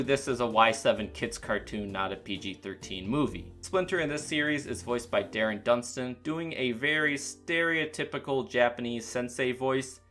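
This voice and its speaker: A man with a bright, forceful voice narrates a scripted review as an opinionated cartoon critic. He sounds informal, at a middle pitch, with faint music underneath. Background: background music.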